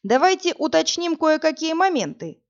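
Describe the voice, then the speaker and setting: A woman voicing a weary middle-aged male police captain who talks in a bored, dismissive, unhurried way. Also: sits high, big pitch swings, pitched above the performer's own voice. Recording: dull lo-fi audiobook recording.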